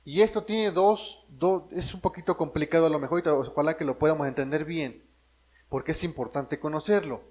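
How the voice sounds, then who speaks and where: A fairly high-voiced man from Mexico preaches a sermon as a pastor. He works through Bible passages in a teaching way and keeps checking in with his listeners. His delivery is full of restarts and quick self-corrections. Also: a little mellow, rough recording.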